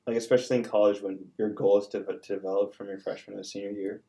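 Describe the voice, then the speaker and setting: A man's voice: fairly low pitch, level tone, fast, vocal fry, dark tone. A young man, a college student-athlete, talking earnestly in a casual podcast chat with many fillers. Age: young adult.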